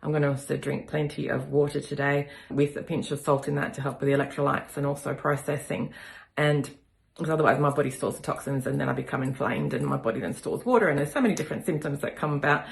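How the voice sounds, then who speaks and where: A middle-aged woman with a cold, calmly explaining and demonstrating a kinesiology balance on herself. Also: a bass voice, creaky. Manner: calm, explanatory, counts slowly. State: has a cold. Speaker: kinesiology practitioner. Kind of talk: demonstration with instruction. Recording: echoey room.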